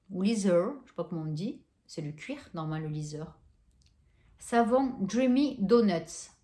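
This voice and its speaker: A vlogger chats casually through a shopping haul, gushing over scents while hesitating, restarting, and using many fillers. Her mid-range voice is a little mellow, and the room is echoey.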